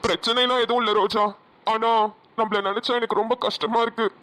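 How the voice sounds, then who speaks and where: A woman voicing a downcast young man talking to his girlfriend on the phone in a cartoon, flat and dull. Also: a little high, a little fast, pitched below the performer's own voice, close to an everyday voice. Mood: gloomy. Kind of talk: cartoon voice acting.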